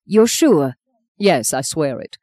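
A woman's voice: deep voice, very animated, slow pace, warm tone, full character voice. A woman voicing a grieving older mother, anguished. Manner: anguished, pleading.

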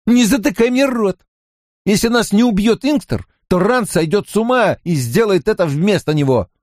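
A frantic young man, as a male narrator puts him on, cursing and exclaiming in a high, jumpy voice. His lines lurch up and down in pitch. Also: sing-song, normal speed, darkish tone, dry recording, studio quality. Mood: panicky.

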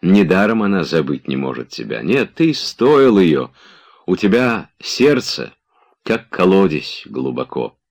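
Man playing energetic friend, persuasive and insistent, somewhat higher. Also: a little slow, full character voice. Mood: persuading. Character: warm, energetic friend, firm and cheerful.

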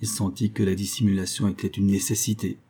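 Man, audiobook narrator, low voice, husky, measured reading. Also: level tone, mellow. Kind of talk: scripted narration.

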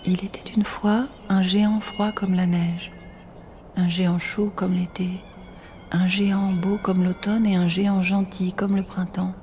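Reader whispering a ghostly girl, whispered role-play, airy distant whisper, mellow tone, storybook tale. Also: medium pitch, little pitch movement, measured pace, a little hiss or hum, lightly acted. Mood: mysterious. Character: faint ghostly girl telling an old tale.

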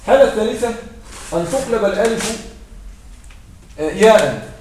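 A man teaches a grammar class in a high voice, explaining each point patiently and repeating it. He keeps checking that a student is following. His voice reaches the mic from across a strongly echoing room. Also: lively intonation, brisk, darkish tone, a little hiss or hum. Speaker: Arabic morphology teacher. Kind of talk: classroom lesson. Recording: very echoey room, voice heard from far off.

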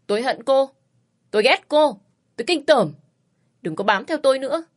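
A woman's voice: a little high, moderate pace, pitched above the performer's own voice, natural voice. A woman doing a scornful young fisherman. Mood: contemptuous. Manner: harsh, rejecting.

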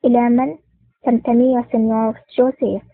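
Brief: woman voicing a cold mafia don, breathy, quick delivery, phone-like sound. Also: on the high side, little pitch movement, no room sound. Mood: calm. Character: stern cold male mafia boss. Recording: tinny phone-like dry recording.

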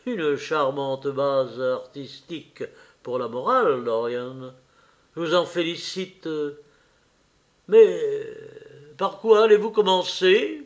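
A man's voice: fairly high pitch, expressive, slow. A man reading an audiobook voices a witty, worldly English aristocrat with a languid, ironic drawl. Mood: teasing.

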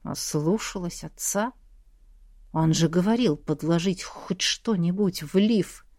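A woman voicing a disapproving young man, the heroine's brother, in an audiobook, speaking low, quiet and grumbling. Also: slow, close to an everyday voice.

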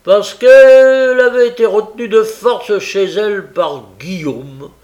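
A man's voice: sits high, slow pace, darkish tone, voice pushed up. A man reading aloud and voicing a sly, lazy young male informer who drawls and hesitates. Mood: smug drawl. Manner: drawling, hesitant, rustic speech.

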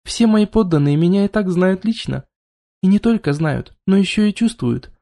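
A man reading an audiobook, voicing a proud young vampire queen who speaks flatly and without emotion. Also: high-pitched, moderate pace, vocal fry. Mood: cool. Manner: flat, unemotional, matter-of-fact.

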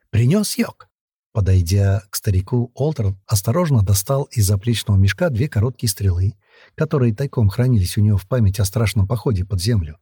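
A man narrating a fantasy audiobook in a steady storytelling manner. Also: fairly low pitch, slightly rough, no room sound, clean studio sound.

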